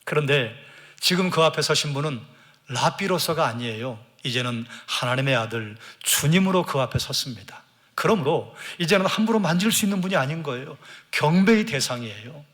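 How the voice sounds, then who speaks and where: A man's voice: fairly high pitch, expressive, brisk, a bit bright. A male pastor from South Korea preaching a Sunday sermon. He has the congregation repeat phrases after him, asks rhetorical questions and answers them himself, and briefly acts out quoted lines.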